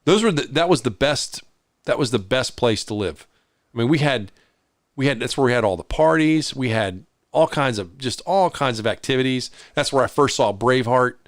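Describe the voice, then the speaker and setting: A man's voice: medium pitch, lively intonation, normal speed, no room sound, clean studio sound. A middle-aged man co-hosting a podcast, telling a story in casual chat and acting out the voices of the people in it. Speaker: podcast co-host.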